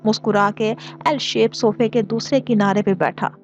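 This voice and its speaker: A woman's voice: steady tone, moderate pace, lo-fi sound, soft background music. A woman narrating a romance novel aloud, lifting her voice for the dialogue. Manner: lifts her pitch for quoted dialogue. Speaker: audiobook narrator. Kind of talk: reading a romance novel aloud, voicing every character.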